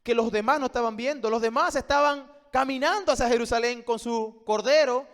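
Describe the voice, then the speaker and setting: Brief: male pastor, high voice, preaching in a church with long reverb. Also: brisk. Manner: shifts between hushed and emphatic, rhetorical questions. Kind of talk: sermon.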